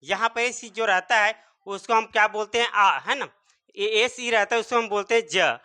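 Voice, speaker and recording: A male teacher with a bright, sharp-edged voice walks through words one sound at a time. He keeps asking the class a question and then answering it himself, in a steady classroom rhythm. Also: high voice, normal speed, clean tone. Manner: repeats rhetorical questions and answers them himself. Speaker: English teacher. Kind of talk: classroom-style spelling and pronunciation lesson.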